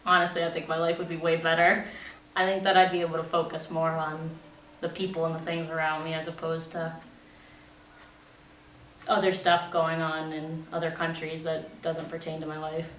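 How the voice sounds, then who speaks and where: Low flat-voiced teenage woman student. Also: normal speed. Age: late teens. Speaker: college student. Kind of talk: interview answers. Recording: echoey room, distant mic, faint noise.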